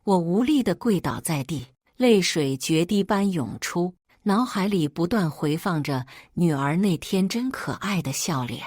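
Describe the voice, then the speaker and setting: A woman's voice: fairly low pitch, expressive, a little slow, few pauses, a little mellow, no room sound, clean studio sound. A woman reading a first-person family drama aloud as a storyteller, in a dramatic, emotional way.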